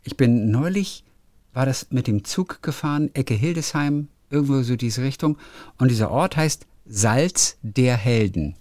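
A man's voice: medium pitch, lively intonation, a little slow, darkish tone, no echo. Chatty man on a dry studio mic. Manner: rambling, chatty storytelling. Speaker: radio host. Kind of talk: casual phone chat.

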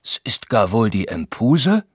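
A man's voice: lowish voice, very animated, measured pace, husky, no echo, clean studio sound, exaggerated voice. A man voicing a bewildered male god in a Greek comedy, read aloud in an audiobook. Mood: nervous. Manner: nervous, questioning. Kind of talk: audiobook reading.

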